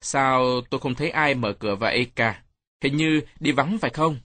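A man's voice: mid-range voice, normal speed, sharp tone, no echo. A man doing a jovial teasing uncle. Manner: teasing, playful.

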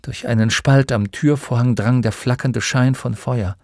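Gravelly male audiobook narrator. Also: mid-range voice, fairly even intonation, a little mellow, no echo, studio quality. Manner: measured, vivid storytelling.

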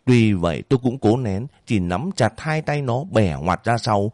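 A man narrating a first-person story for an audiobook channel in a steady, measured way. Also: lowish voice, no room sound, clean studio sound.

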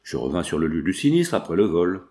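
A man's voice: low voice, sing-song, a little fast, mellow, pitched below the performer's own voice. A man voicing a drugged, crazed male murderer who boasts feverishly of his crimes. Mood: wild boast. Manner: feverish, boastful, laughing strangely.

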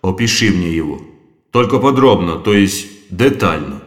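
A man's voice: deep voice, lively intonation, fairly quick, echoey room. A man voicing a paranoid, foul-mouthed ageing male president who barks coarse orders. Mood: weary. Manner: coarse, swearing, barking orders.

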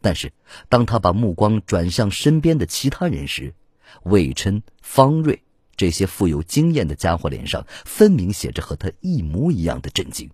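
Husky-voiced man narrating dramatically. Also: sing-song, normal speed, darkish tone, no room sound, studio quality. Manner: dramatic storytelling with wide swings in pitch. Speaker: audiobook narrator. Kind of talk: scripted narration.

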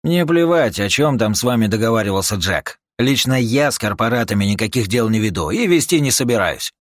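A gruff, blunt man, as the male narrator voices him who grumbles and cuts people off. He is pitched above the narrator's deep reading voice and pushed louder. The sound is close and dry. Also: lively intonation, fairly quick, no echo, natural voice. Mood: curt, irritated. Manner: curt and grumbling.

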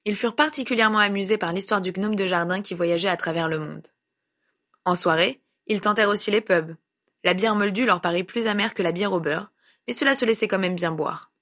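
A woman reading a fan fiction novel aloud in an even, steady narration. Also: mid-range voice, a little fast. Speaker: reader.

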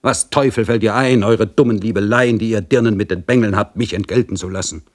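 A blustering middle-aged police officer snaps out scolding orders in a brusque manner, as a man reading the story plays him. The voice rests on a deep base but is lifted and louder when he bristles. It comes from a spoken storybook. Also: animated, moderate pace.

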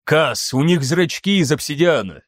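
A man voicing an excitable, theatrical male scholar who lectures insistently in an audiobook. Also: on the high side, normal speed, no room sound, studio quality. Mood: lecturing excitedly. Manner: animated, insistent, showy.

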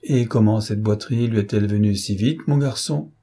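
Man doing a calm gentleman traveller, unruffled, even, husky voice. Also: lowish voice, brisk. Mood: placid. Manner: placid, unruffled.

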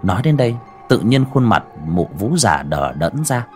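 A man narrating a horror story in a dramatic, expressive storytelling manner. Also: on the low side, moderate pace, soft background music.

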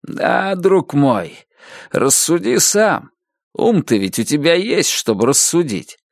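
Brief: man playing a sadistic officer, syrupy and sanctimonious, lively swings in pitch, dry close mic. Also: takes it slowly, creaky, no room sound, full character voice. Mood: mock-gentle. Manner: mock-gentle, sanctimonious. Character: sly, cruel male officer feigning kindness.

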